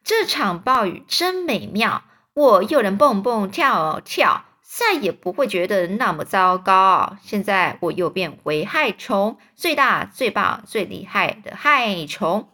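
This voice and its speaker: A woman voicing a jubilant, boastful male centipede in a read-aloud storybook, exclaiming loudly in a drawn-out singsong. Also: medium pitch, sing-song, heavily acted. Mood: ecstatic.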